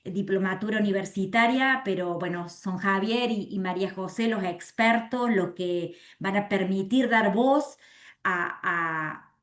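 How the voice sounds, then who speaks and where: A woman gives formal closing remarks on behalf of a university. Her voice sits at a middling pitch and carries a noticeable echo from the room. She speaks haltingly, with frequent restarts and fillers. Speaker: university representative.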